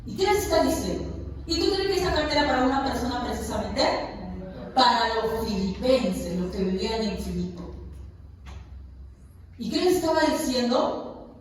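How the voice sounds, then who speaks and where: A woman's voice: a little high, lively intonation, moderate pace, long pauses. A woman preacher giving a sermon, emphatic and questioning her congregation. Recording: echoey hall, far from mic, faint hiss.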